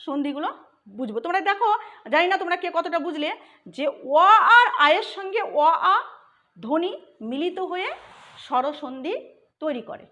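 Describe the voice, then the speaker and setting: Lively, bright-voiced woman teacher. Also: very high voice, normal speed, pauses often. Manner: explains step by step, asks and answers her own questions. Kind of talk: exam-prep grammar lesson.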